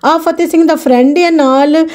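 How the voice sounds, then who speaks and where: A woman's voice: sits high, fairly even intonation, normal speed, darkish tone. A woman in her thirties with a Punjabi accent, narrating a casual daily vlog in a chatty, informal, exclamatory way. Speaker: vlogger.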